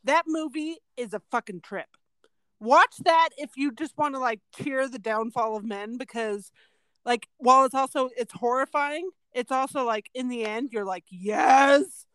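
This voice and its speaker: A woman's voice: sits high, moderate pace, pushed and bright, clear, resonant tone, no room sound, low-quality recording. A woman chatting casually as a podcast co-host, with a blunt, wry, sweary way of talking. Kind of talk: casual chat.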